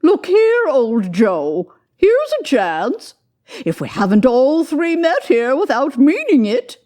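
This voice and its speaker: A woman's voice: high-pitched, big pitch swings, slow pace, a little mellow, voice pushed up, heavily acted. A woman voicing a brash, defiant charwoman in a storybook, with a bold, flaunting, exclaiming manner. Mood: gleeful, bold.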